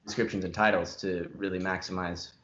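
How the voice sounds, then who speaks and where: A man's voice: low-pitched, level tone, a little fast, a bit bright, a little hiss or hum. A man hosting a casual podcast chat, asking curious questions and agreeing readily. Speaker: musician podcast host. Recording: roomy, dull lo-fi audio.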